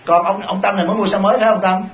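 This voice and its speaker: A man's voice: high-pitched, very fast. A man, a Buddhist monk giving a dharma talk, telling humorous stories and addressing the congregation. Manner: humorous, animated storytelling to the congregation. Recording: echoey, dull lo-fi hall.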